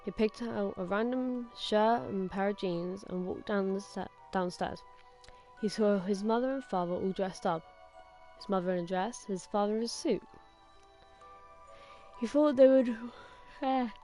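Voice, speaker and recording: A woman casually reads a creepy story aloud on a game stream, stumbling and restarting often. Her pitch sits in a middle range for a woman, with faint game music behind. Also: warm tone. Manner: halting, with many restarts and self-corrections.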